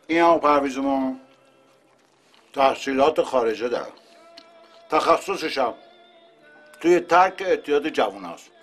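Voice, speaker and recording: A man's voice: medium pitch, expressive, pauses often, fairly bright tone, faint music behind. An actor playing a middle-aged man who persuasively explains a plan to open a rehab camp.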